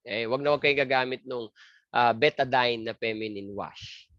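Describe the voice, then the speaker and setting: A man's voice: mid-range voice, moderate pace, a bit bright, no room sound. A man giving an exam review lecture, joking crudely and asking and answering his own questions. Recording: dry, muffled lo-fi lecture audio.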